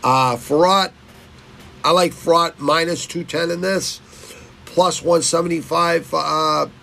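A man's voice: on the high side, fairly even intonation, measured pace, creaky, bright, forceful tone, slight background noise, poor audio. A middle-aged man, rambling and swearing through his fight betting picks and stumbling over fighters' names. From Massachusetts. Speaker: fight picks channel host. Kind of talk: casual betting picks talk.

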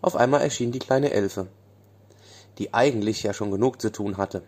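Mellow male bedtime storyteller. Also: fairly low pitch, normal speed.

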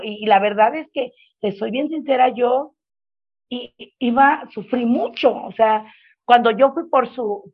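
A middle-aged woman telling her story as a mother, earnest and emotional, looping back with many fillers. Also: on the high side. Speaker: mother sharing her testimony. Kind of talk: heartfelt personal storytelling. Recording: dull lo-fi sound.

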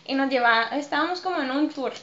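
A woman with a Mexican accent, a dancer and choreographer, telling stories as a podcast guest in a lively way, laughing often. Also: high-pitched, quick pace, dull audio. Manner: lively, laughs often, acts out her own past remarks. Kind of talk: casual interview storytelling.

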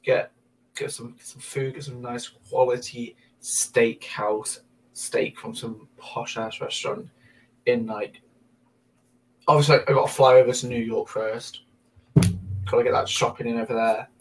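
Chill podcast guy, lots of ums, kinda hesitant, normal pitch. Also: flat delivery, unhurried, poor audio. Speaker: podcast co-host. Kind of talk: casual chat.

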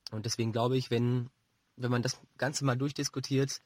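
A man with a mid-pitched voice gives measured football analysis in a very dry recording. He explains his points as a pundit would, feeling his way through phrases and repeating words. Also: level tone, a little mellow, no room sound.

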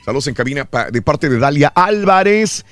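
A man's voice: on the high side, a little fast, dry recording, faint music behind. A man with a Mexican accent hosting a radio show, chatting casually and reading out listener greetings from the booth. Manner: relaxed, reads listener greetings. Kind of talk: casual radio chat and shout-outs.

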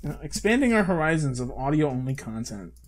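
A young man co-hosting a podcast in casual, excitable chat, swearing freely. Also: fairly high pitch, brisk, a crowd in the background. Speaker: podcast co-host.

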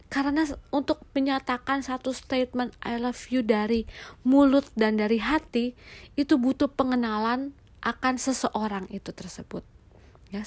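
A young adult woman giving a casual, earnest devotional talk, sometimes sinking to a soft near-whisper. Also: on the high side, no echo. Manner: warm, earnest, drops to soft near-whispers on heartfelt lines. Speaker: devotional speaker.

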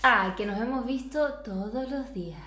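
A young woman with a Chilean accent, co-hosting a podcast in relaxed storytelling banter. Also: on the high side, moderate pace. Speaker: podcast co-host. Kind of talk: casual chat. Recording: roomy echo.

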